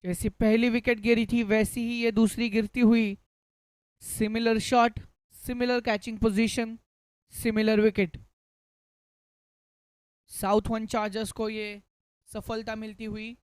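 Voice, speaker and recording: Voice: mid-range voice, flat delivery, unhurried, long pauses, darkish tone, smooth, no echo, rough recording. A Hindi cricket commentator calling play ball by ball, mixing in English cricket terms.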